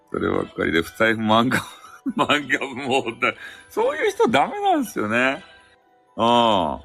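Deep-voiced Hakata man, lively chat. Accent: Hakata dialect. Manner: chatty, joking, drifting between topics. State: slightly sore throat. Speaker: live-stream host. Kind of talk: casual chat. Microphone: phone app stream mic.

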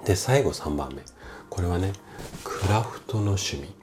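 A man in his fifties, a bodywork clinic owner hosting a solo podcast, calmly explaining things as if to his younger self. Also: deep voice, a little slow. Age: 50s. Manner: calm, explanatory, speaking familiarly to a younger self.

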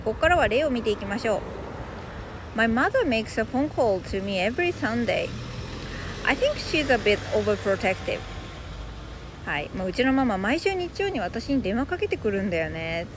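This English phrase podcast host is a woman whose first language is Japanese; she talks to listeners directly and explains things in a conversational manner. Her medium-pitched voice is sing-song at a moderate pace, with background noise present.

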